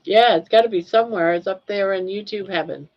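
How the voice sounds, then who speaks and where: Reading through her live chat, an older Maine woman rambles and laughs freely while hosting a casual stream. Her mid-range voice moves at a brisk clip, and the audio has a dull, lo-fi quality.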